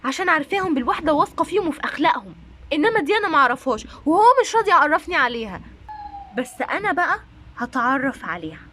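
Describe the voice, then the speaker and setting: A woman voicing a jealous, suspicious teenage girl doll in doll play, speaking fast and insistently with an Egyptian Arabic accent. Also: sits high, sing-song, bright, forceful tone, slight background noise, exaggerated voice.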